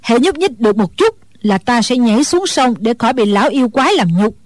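A curt, commanding old woman from a martial-arts storybook, as a woman narrator puts her on. She snaps out short orders at a brisk clip, in a dry, close voice. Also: fairly high pitch, animated, no room sound, lightly acted. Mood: stern. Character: stern injured old woman fighter.

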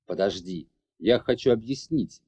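A man voicing a brooding young mage who insists on justifying himself, low and heavy. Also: expressive, unhurried, dark tone, breathy edge, dull audio. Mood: bitter. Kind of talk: audiobook character voice.

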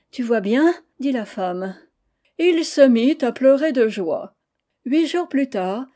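A woman reading a classic short story aloud in an expressive, lively storytelling manner. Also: on the high side. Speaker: reader.

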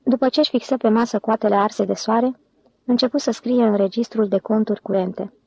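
Mellow-voiced woman audiobook narrator. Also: a little high, fairly even intonation, vocal fry, breathy edge. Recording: slightly dull dry recording.

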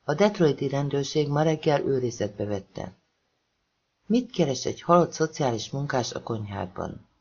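Guy doing a blunt sarcastic lady cop, husky, lively pitch, muffled audiobook. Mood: sardonic. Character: sharp, dry female police detective.

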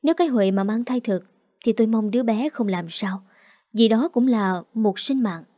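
A woman's voice: on the high side, moderate pace, dark tone, no room sound, clean studio sound. A woman narrating a dramatic first-person story.

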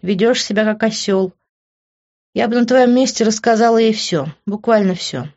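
A woman's voice: fairly high pitch, moderate pace, darkish tone, dull audio, voice pushed up, close to an everyday voice. A woman voicing a blunt, sarcastic young woman who bosses and mocks her friend. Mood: mocking. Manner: mocking, bossy.

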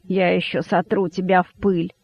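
A man's voice: high voice, flat delivery, vocal fry, dry recording. A man doing a hissing python king. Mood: menacing. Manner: hissing, slow, threatening. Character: menacing old king python, pompous and slow. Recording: dull lo-fi dry recording.

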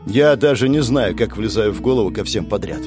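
A man's voice: fairly low pitch, lively intonation, fairly quick, music in the background, close to an everyday voice. A man doing a weary, sighing inhuman being. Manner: quiet, tired, sighing.

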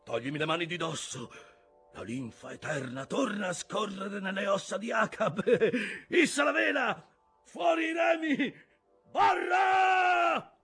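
A man's voice: high-pitched, normal speed, a bit bright, slightly rough, faint music behind, pitched above the performer's own voice, full character voice. A man voicing an obsessed old sea captain who bellows orders feverishly in an audiobook reading. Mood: exultant.

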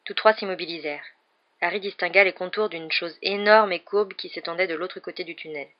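Audiobook reader, steady narration. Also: mid-range voice, a little fast. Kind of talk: scripted narration. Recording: dull lo-fi audio.

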